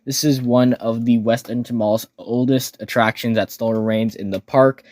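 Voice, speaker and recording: A man's voice: medium pitch, fairly even intonation, normal speed, a little mellow, no echo. A man narrating a casual, enthusiastic voice-over commentary about amusement park rides in an informal way.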